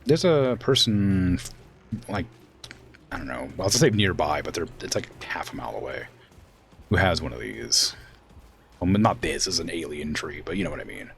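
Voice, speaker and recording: A man's voice: deep voice, very animated, moderate pace, gravelly, pauses often, a little hiss or hum. A man giving casual, rambling gameplay commentary, thinking aloud as he plays. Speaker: game streamer.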